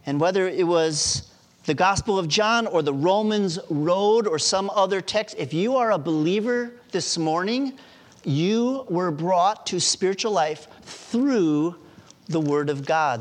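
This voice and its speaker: Slow, deliberate male preacher. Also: sits high. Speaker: pastor. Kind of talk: sermon. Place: church.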